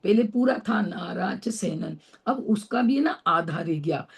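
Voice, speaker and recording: Slow, patient woman teaching scripture terms. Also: fairly low pitch, expressive, gravelly, husky. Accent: Indore, Madhya Pradesh Hindi. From Madhya Pradesh, India. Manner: slow, spells out terms syllable by syllable, frequent "है ना?" checks. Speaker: religious teacher. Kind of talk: slow scripture class lecture.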